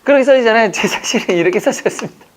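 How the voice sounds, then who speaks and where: A man from Jeju Island teaching an exam-prep language class, chatting, joking and quizzing his students with quick questions. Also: high voice, animated, a little hiss or hum. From Jeju Island, Korea. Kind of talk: classroom lecture. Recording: dull lo-fi lecture recording.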